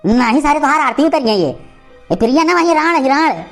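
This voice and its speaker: A woman voicing an angry old male village uncle in an animated cartoon comedy, ranting and scolding in an Awadhi accent. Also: high-pitched, brisk, music in the background. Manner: loud scolding, cursing rant.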